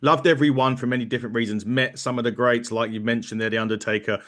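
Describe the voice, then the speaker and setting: English man hosting, medium-pitched voice. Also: fairly even intonation, quick pace, a bit bright. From England. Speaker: podcast host. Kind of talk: conversational interview hosting.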